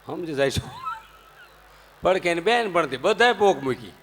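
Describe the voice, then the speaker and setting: Jokey Gujarati male storyteller, fairly high voice, long hall reverb. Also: moderate pace, a little hiss or hum. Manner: jokey, anecdotal, animated swings into loud punchlines. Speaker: religious storyteller. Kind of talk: humorous religious discourse.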